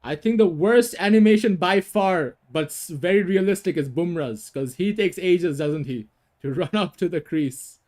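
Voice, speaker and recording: A young man with a notably high voice talks through a cricket video game match in a loose, chatty way. He fills gaps with "you know" and "like" and breaks into laughter easily. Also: normal speed, a little mellow. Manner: chatty, laughs often, fillers. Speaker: commentator. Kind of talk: casual gaming cricket commentary.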